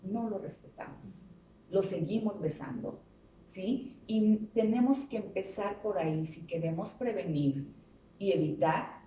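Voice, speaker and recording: A woman's voice: mid-range voice, expressive, a little slow, mellow, slight background noise. A woman psychologist, guest on an interview show, explaining patiently and asking rhetorical questions. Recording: roomy sound from a distance.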